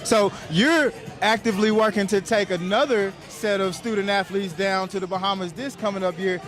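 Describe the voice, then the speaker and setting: A man's voice: high voice, normal speed, music in the background. A man hosting an outdoor interview, friendly and casual. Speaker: host. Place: outdoor tailgate.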